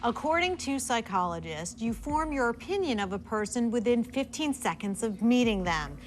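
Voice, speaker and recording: A woman hosts a game show in a brisk, directing manner, her voice sitting fairly high. Faint music plays behind her. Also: lively intonation. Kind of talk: scripted game show hosting.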